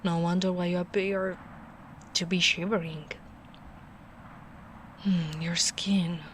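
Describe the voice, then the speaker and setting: A young woman plays a big, gentle, towering ogress in a soft-spoken ASMR roleplay, using a low, slightly deep voice with fairly even intonation. Her delivery is very slow and soothing, full of caring, protective warmth, and now and then she drops into breathy, near-whispered asides. A little hiss or hum is audible.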